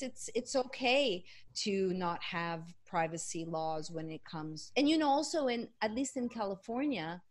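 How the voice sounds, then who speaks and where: A woman being interviewed as a guest, talking bluntly and animatedly with quick asides. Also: mid-range voice. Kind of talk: casual conversational interview.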